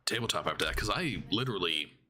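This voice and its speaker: A man's voice: low voice, expressive, quick pace, sharp tone, a little hiss or hum. A man streaming a game, rambling in casual commentary and swearing freely. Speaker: gaming streamer.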